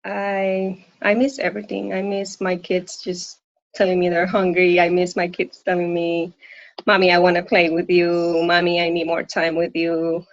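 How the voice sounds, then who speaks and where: A working mom from Puerto Rico, a native Spanish speaker with a Puerto Rican accent, talks earnestly and hesitantly in a live coaching session, restarting often. Her fairly low voice is monotone at normal speed, and the lo-fi audio is dull and dry with no room sound.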